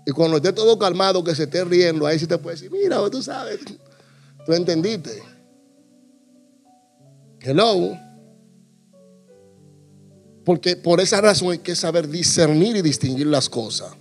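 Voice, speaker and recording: A man preaches to his congregation, his voice sitting a little high. He jokes and acts out small everyday scenes as he goes. Faint instrumental music plays softly beneath the sermon. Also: moderate pace, pauses often. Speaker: pastor.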